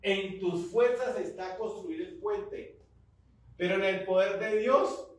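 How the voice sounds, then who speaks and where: A man's voice: sits high, slow. A man pastor with a Colombian Spanish accent, preaching a sermon with rising fervor and call-and-response. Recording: echoey hall, voice from far off.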